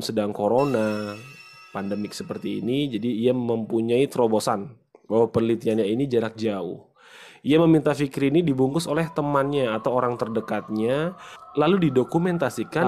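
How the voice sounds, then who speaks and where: A man hosting a casual channel, retelling an online story in a chatty way with frequent pauses and fillers. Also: mid-range voice, warm tone. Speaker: host.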